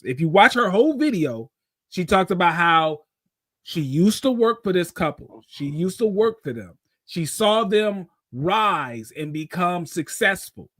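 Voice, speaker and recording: A man with a fairly high voice hosts a live call-in show, explaining things at length in a loose, conversational way. The sound is dry and close, with no room around it. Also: a bit bright, no room sound. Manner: conversational, explains at length, brings callers on air. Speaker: host.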